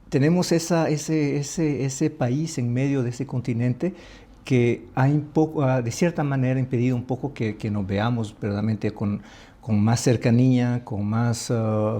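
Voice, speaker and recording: A man from El Salvador, an ambassador, talking in an interview in a thoughtful, halting way with many restarts. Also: medium pitch, dark tone. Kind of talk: conversational interview.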